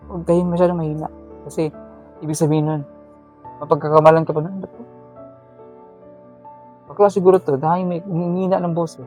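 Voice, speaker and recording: A woman's voice: fairly low pitch, a little mellow. A woman running a charity vlog, firmly coaching a shy student to speak up, in a motherly, lecturing way. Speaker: charity vlogger handing out school allowance. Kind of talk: coaching, animated casual talk.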